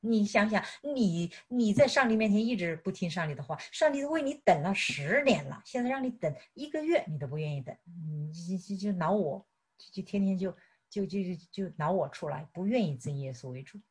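A woman's voice: medium pitch, expressive, a little fast, darkish tone, slightly rough. A middle-aged woman teaching a sermon on prayer, chiding her listeners with rhetorical questions and stumbling over repeated words. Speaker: Bible teacher.

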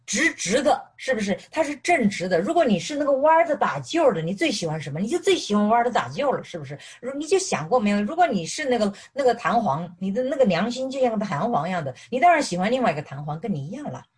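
A middle-aged woman from mainland China gives an animated sermon, mixing personal testimony with questions to her listeners. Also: a little high, quick pace, few pauses, husky. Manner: animated, repeatedly asks "是不是". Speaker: preacher.

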